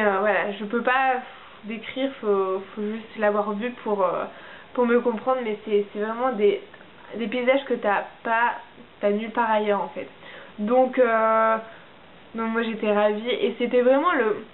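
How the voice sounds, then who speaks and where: Young French woman, au pair vlogger, higher voice, hesitant delivery; tinny lo-fi recording. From France. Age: young adult. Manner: hesitant, many fillers and restarts. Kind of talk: casual monthly update vlog. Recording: tinny phone-like audio with faint hiss.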